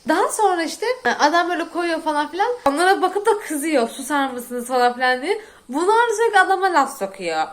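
A woman's voice: sits high, sing-song, a little fast, a bit bright. A young woman vlogger telling a story in casual chat, exasperated and often breaking into laughter as she rants. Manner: exasperated, laughing while ranting.

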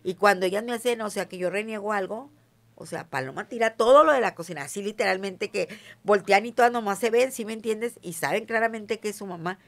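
A woman's voice: medium pitch, brisk. A middle-aged woman with a Mexican accent, talking in a chatty, emphatic way as an interview guest. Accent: Mexican Spanish. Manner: chatty, emphatic, often asks "¿sí me entiendes?". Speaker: interview guest, self-described witch. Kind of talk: casual conversational interview.

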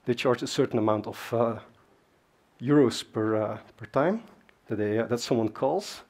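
On a large, dimly lit conference stage, a man whose first language is Dutch gives an informal technical presentation full of asides and filler words. His voice sits in the mid range, a little mellow, at normal speed.

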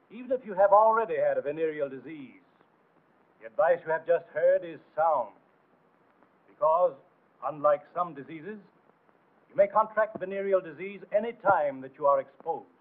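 The narrator of this 1940s military training film is a man with a slightly high voice speaking at normal speed. He reads a script in a formal, commanding, didactic and emphatic manner, over a noisy, tinny 1940s soundtrack.

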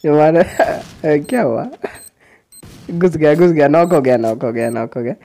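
A man, a gaming YouTuber, giving excited, crude-slang commentary as he cheers on his teammates during a match. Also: a little high, a little slow, creaky. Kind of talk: excited live gameplay commentary.

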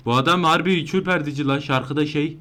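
A man commenting live on a horror game he is playing, excitable and panicky when chased. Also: fairly high pitch, a little fast. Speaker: gameplay streamer.

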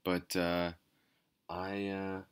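Man, low-pitched voice, quiet and subdued, hesitant, rambling, casual gaming commentary. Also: completely flat delivery, extremely slow, smooth. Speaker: gaming channel host. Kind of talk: casual off-the-cuff game commentary. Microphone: speaking away from the mic at times.

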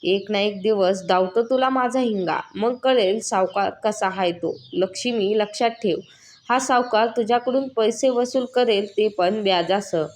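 A woman's voice: medium pitch, measured pace, a little mellow, close to an everyday voice. A woman voicing a scheming, lecherous male village moneylender in a spoken story, menacing and coaxing. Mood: vengeful. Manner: menacing, coaxing then threatening.

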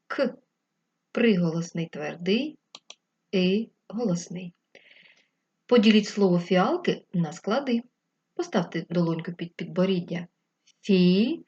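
A woman teacher giving a remote lesson to first graders, talking slowly and clearly to the children. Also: on the low side, lively intonation, a little mellow, dull audio. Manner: slow, clear dictation addressed to children. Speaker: primary school teacher.

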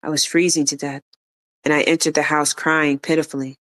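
Audiobook narrator; flat, smooth, measured delivery. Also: mid-range voice. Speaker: audiobook reader. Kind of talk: reading an autobiography aloud.

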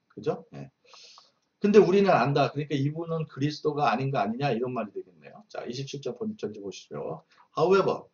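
A man's voice: medium pitch, darkish tone, lo-fi sound. A man teaching English Bible verses in a patient, explanatory way, reading each line and then explaining it, a native Korean speaker. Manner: patient, repeats glosses, fillers like "어" and "자".

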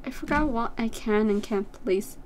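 A woman giving casual gameplay commentary, chatty, her voice jumping high when she gets excited. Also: moderate pace, slight background noise. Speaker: gameplay streamer.

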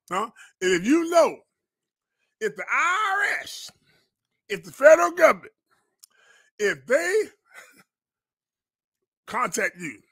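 A pastor hosting an online show delivers fiery live-stream commentary in a preacher's cadence, indignant and emphatic, repeating phrases and throwing out rhetorical questions. His voice sits high, with a bright, forceful tone, and the recording is dry and studio quality.

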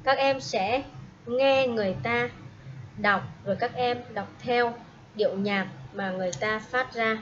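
Slow patient teacher, woman. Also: fairly high pitch, a bit bright. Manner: patient, speaks slowly and repeats each word for pupils. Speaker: primary school English teacher. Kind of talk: slow classroom instruction with repeat-after-me drills. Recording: dull lo-fi audio with faint noise.

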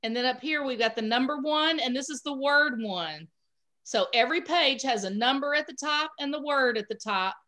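A woman's voice: sits high, normal speed, pushed and bright. A woman teaching an online pre-K class, giving patient, encouraging prompts over a video call.

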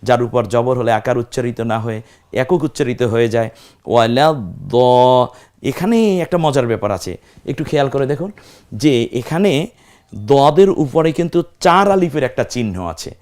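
Guy teaching quran reading, slow careful breakdown, drags out the arabic sounds. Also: medium pitch, expressive, a little mellow. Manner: explains step by step, drawing out Arabic syllables. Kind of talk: recitation lesson.

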